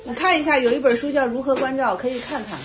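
Female meditation teacher, slightly high, patient explainer in a dharma Q&A. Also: fast talker. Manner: patient, explanatory, many soft affirming hums. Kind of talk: Buddhist question-and-answer talk.

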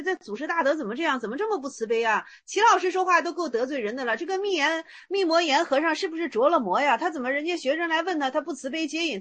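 A woman dharma teacher giving a casual Buddhist lecture in a lively, teasing way. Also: high voice. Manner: lively, teasing, acts out dialogue.

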